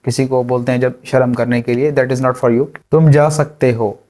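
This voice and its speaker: Man drilling English phrases slowly. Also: medium pitch, fairly even intonation, dark tone. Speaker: spoken English teacher. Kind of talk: language lesson with slow drilled repetition.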